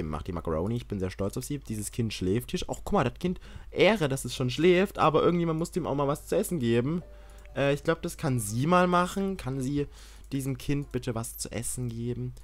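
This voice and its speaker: Young man, gaming commentary, lively pitch swings, mock-outraged shouts, dry close mic. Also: brisk, no echo, soft background music. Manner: excitable, swears a lot, mock-outraged yelling at the game. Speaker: gaming YouTuber. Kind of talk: Let's Play commentary.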